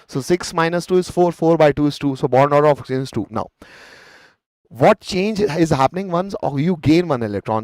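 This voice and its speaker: A man with an Indian accent teaches chemistry in a live online revision class, his voice a little high and a little mellow on a dry recording. He takes an encouraging, coaching approach, addresses the students directly, and drops Hindi words into his English.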